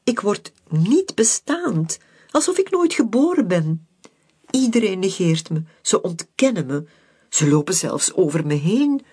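A storyteller voicing a small, gloomy, complaining female animal with orange fur in a children's story, in a high, plaintive voice. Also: very animated, measured pace, darkish tone, slightly rough.

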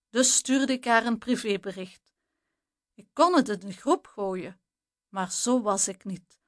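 Slow, measured woman narrating. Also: mid-range voice, fairly bright tone. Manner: measured, deliberate storytelling. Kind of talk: audiobook narration of a youth novel.

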